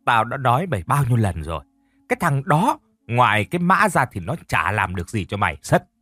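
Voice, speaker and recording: A man's voice: on the low side, very animated, brisk, a bit bright, dry recording. A man voicing a harsh, bossy older aunt who scolds and mocks her niece in a told story. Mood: scolding.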